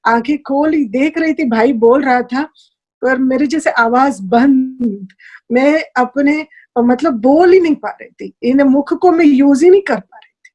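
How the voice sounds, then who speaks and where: A woman's voice: sits high, measured pace, mellow, lo-fi sound. A woman giving an earnest, heartfelt personal spiritual testimony over a video call, slipping in English phrases. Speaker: guest sharing a spiritual experience.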